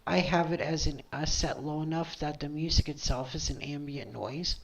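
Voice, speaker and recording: A woman with a low, gravelly voice hosts a casual livestream over a headset mic, speaking at normal speed with fairly even intonation. The video creator is insistent, repeating her points.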